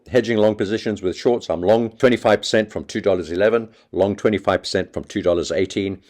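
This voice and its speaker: A man giving a quick, chatty trading market update, talking fast and offhand. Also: fairly low pitch, darkish tone. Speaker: market analyst.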